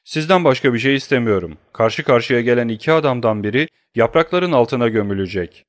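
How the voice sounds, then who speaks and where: A cold, grimly menacing young nobleman, voiced by a male audiobook reader, clipped and hard in every line. His voice sits a little higher and pushes a little louder than the narration around it. The recording is dry and close, with no room sound. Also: expressive, a little fast, dry recording, natural voice. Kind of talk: audiobook character reading.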